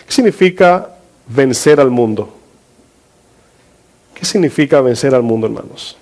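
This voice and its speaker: A man's voice: medium pitch, lively intonation, unhurried, a little mellow. A male pastor preaching a sermon, questioning his congregation and drawing out key words for emphasis.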